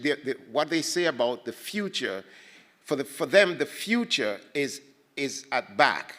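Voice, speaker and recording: A man from Ghana muses through a panel talk, stumbling over words and restarting as he gathers his thoughts. His voice is bright and ringing, and it hangs in the long reverb of a big hall. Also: medium pitch. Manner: halting, many restarts, thoughtful. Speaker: panel speaker at a poetry festival.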